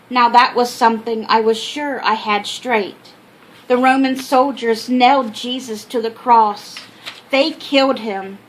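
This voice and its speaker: An older woman with an American accent reading her own memoir aloud as an expressive storyteller. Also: a little high, slight background noise, low-quality recording. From Minnesota, United States. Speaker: author telling her life story. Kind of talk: scripted memoir narration.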